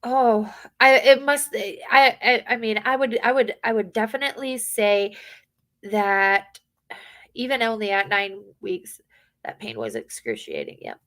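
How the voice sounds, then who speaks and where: A woman's voice: mid-range voice, lively intonation, unhurried, a bit bright. A woman who works a hotel front desk, telling stories in a rambling, casual chat and acting out what people said. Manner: chatty, rambling, acts out quotes.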